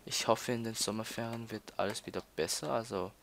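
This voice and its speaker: A man's voice: on the low side, fairly even intonation, a little fast, vocal fry, fairly bright tone, a little hiss or hum. A teenage boy from Austria, chatting while playing a game, stalling and repeating words with many fillers. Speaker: let's player. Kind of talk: casual gameplay commentary.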